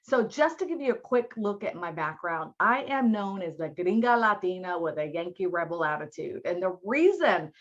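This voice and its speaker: A woman's voice: fairly low pitch, expressive, moderate pace, few pauses, lo-fi sound. A woman with a Southern American accent, born in New York City and raised in Miami, giving a live online diversity training in a chatty, folksy way that speaks straight to her audience.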